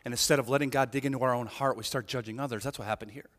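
A man preaching a sermon in a conversational, animated way, often checking in with the listeners. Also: medium pitch, racing, in a large hall. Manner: animated, conversational preaching with frequent "right?" asides. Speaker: pastor.

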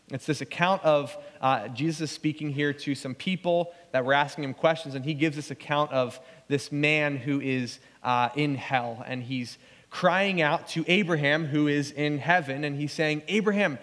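A man's voice: mid-range voice, fairly bright tone. A man preaching a sermon as pastor, earnest and conversational, often restarting his phrases. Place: church sanctuary. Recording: long church hall reverb.

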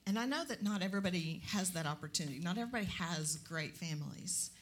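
A woman's voice: fairly low pitch, expressive, quick pace, a little hiss or hum. Earnest woman reading scripture in church. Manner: earnest, reads scripture aloud. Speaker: co-preacher. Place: church sanctuary.

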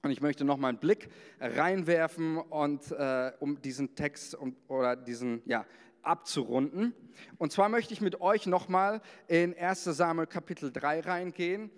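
Pastor with a slightly high voice in a reverberant hall. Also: male voice, moderate pace. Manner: reads scripture aloud, then explains it in plain talk. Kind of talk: sermon with scripture reading. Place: church service.

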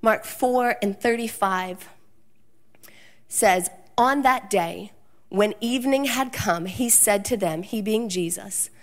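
A woman preaching a sermon, telling a personal story in an animated way and acting out the quotes. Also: medium pitch.

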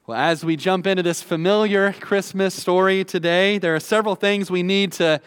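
A man's voice: high voice, steady tone, normal speed, clear, resonant tone. A man preaching a sermon as pastor from a church stage at a pulpit microphone, in a chatty, conversational way with filler words.

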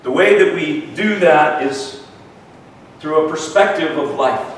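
A man's voice: on the high side, a little slow. A man with a weak, thin voice preaching in a conversational style, repeating words and checking for agreement as he goes. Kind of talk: conversational sermon. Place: large echoey room, worship gathering. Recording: echoey room, distant mic, faint noise.

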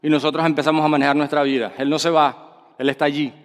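A fairly high-voiced man delivers a sermon, explaining with everyday examples and leaning on key words. His voice carries a long reverb, as if spoken in a large church hall. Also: level tone, fast. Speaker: preacher.

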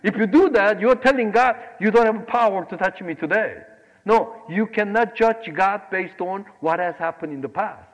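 High-voiced Korean-born man preaching in a hall. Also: moderate pace. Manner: animated, swings between loud exclamations and quiet asides. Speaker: pastor. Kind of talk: sermon.

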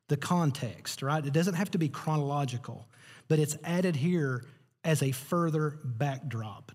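A man's voice: medium pitch, husky, long reverb tail. A man preaching a sermon as pastor, mixing joking asides with emphatic, rising preaching. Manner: joking asides, laughs at his own jokes.

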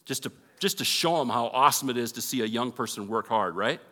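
Earnest bright-voiced male pastor. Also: mid-range voice, lively intonation, fairly quick, big-room sound. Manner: earnest, conversational, building to fervent prayer. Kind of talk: sermon and closing prayer. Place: church sanctuary.

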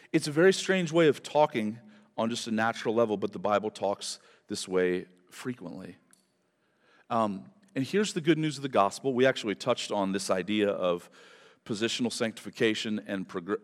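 A male pastor preaching a sermon at a pulpit microphone in a church, emphatic and building to fervent repetition. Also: lowish voice. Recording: long hall reverb from a church.

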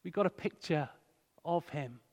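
A man's voice: a little high, lively intonation, a little slow, darkish tone. A man with a northern English accent giving a sermon-style talk, telling stories and putting conversational questions to his congregation. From Hull, England. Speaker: guest speaker at a church. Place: large church hall, live talk to a congregation. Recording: echoey hall with long reverb.

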